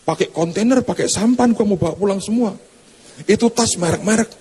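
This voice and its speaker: A man's voice: sits high, a little fast, a little mellow, husky, pitched above the performer's own voice. A man putting on a bragging rich church lady. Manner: showy, name-dropping, chatty boasting. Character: boastful rich woman churchgoer, bragging gossip. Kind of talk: comic sermon anecdote.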